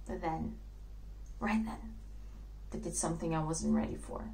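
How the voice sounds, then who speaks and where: A woman playing a dreamy, idealistic young actress in a theatrical monologue, telling her story earnestly with soft laughs. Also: deep voice, takes it slowly, vocal fry, a little hiss or hum, exaggerated voice, low-quality recording. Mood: wistful.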